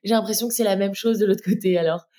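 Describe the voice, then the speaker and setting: A woman's voice: mid-range voice, steady tone, fast talker, dark tone. A woman from France with a French accent, a brand co-founder speaking candidly in a casual interview, with frequent hesitations. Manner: many fillers and restarts, candid.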